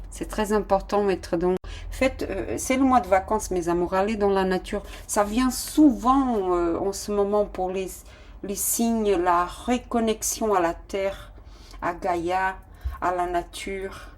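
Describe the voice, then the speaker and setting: A woman's voice: medium pitch, takes it slowly. A woman giving a casual tarot reading, affectionate and full of fillers as she talks to her listeners. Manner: affectionate, calls listeners "my loves", many fillers. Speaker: tarot reader.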